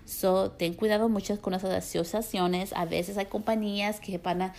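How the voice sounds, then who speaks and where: Chatty woman with vocal fry. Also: medium pitch, fairly even intonation, moderate pace, darkish tone. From California. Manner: chatty, mixes English words like "so" into Spanish. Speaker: stylist and social media creator. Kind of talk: casual advice talk to viewers.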